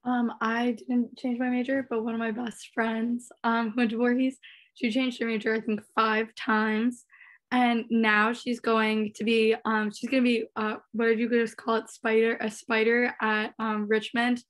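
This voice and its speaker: A woman in her twenties, a recent graduate on a panel, telling a story in fast, chatty talk over a laptop microphone on a video call. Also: on the high side, flat delivery. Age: 20s.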